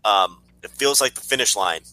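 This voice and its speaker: A tired man with a worn, hoarse voice in casual podcast banter, foul-mouthed and griping, repeating phrases for emphasis. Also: fairly low pitch, normal speed, pushed and bright, no echo, rough recording. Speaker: podcast co-host.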